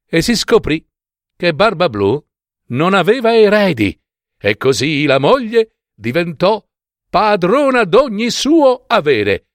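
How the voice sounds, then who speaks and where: Slow, lively man reading a fairy tale. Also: mid-range voice, no room sound, studio quality. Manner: slow, expressive storytelling. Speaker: storyteller.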